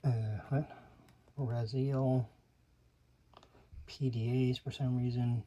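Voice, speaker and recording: A man's voice: mid-range voice, little pitch movement, takes it slowly, very noisy. A man flipping through an old magazine, reading ad slogans aloud and adding dry, muttered asides, sometimes dropping to a whisper. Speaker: channel host. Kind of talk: casual commentary while paging through a magazine.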